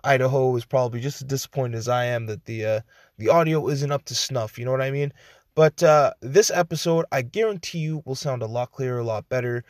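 A man's voice: medium pitch, fairly quick. A man, hosting a solo podcast in an informal, meandering, slangy way. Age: 20s. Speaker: podcast host. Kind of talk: casual rambling solo chat.

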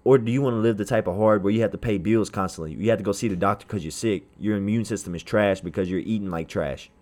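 A man's voice: lowish voice, quick pace, a little mellow. A man hosting a motivational podcast, speaking straight to the listener in an emphatic, repetitive, colloquial way. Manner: informal, colloquial phrasing. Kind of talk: motivational speech.

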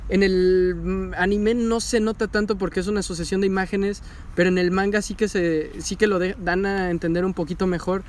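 A man, recapping a show with loud, animated enthusiasm. He talks casually and swears freely as the excitement builds. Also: high voice. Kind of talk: casual chat recapping an anime.

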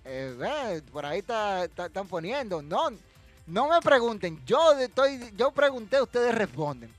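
Running a wrestling trivia quiz on his livestream, a high-voiced man reads viewer comments and replies to the chat directly, lively, animated and teasing. He keeps a moderate pace, and faint music plays behind him.

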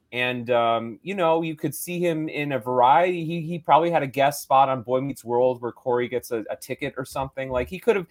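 Man, podcast co-host, casual movie chat, enthusiastic, rambling, many ums and uhs. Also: fairly high pitch.

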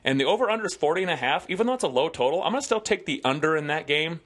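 A Midwestern American man co-hosts a sports podcast, running through his weekly picks with easygoing confidence. His voice is bright and forward, recorded close on a studio microphone. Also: a little high, expressive, very fast. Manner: confident, chatty betting analysis. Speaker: podcast co-host giving football picks. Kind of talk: casual sports podcast banter.

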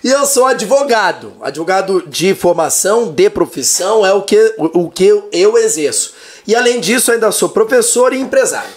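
This podcast guest, a man in his 30s who works as a lawyer, spins jokey stories in animated, casual chat. He has a high voice and talks at a normal pace.

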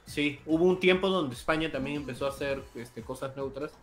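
A man's voice: a little high, a little fast, soft background music. A man on a casual gaming podcast who explains things hesitantly, often repeating words.

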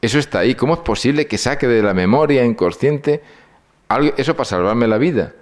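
A man's voice: medium pitch, lively intonation, brisk. An older man giving a lecture, telling stories and acting out the dialogue in them. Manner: storytelling, acts out dialogue. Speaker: speaker on psychology and symbolism.

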